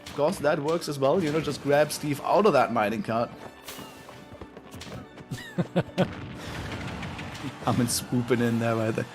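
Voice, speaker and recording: A man calling play-by-play for an online fighting-game tournament in an energetic way, with frequent fillers. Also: medium pitch, measured pace, long pauses, music in the background. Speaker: play-by-play commentator. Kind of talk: esports commentary.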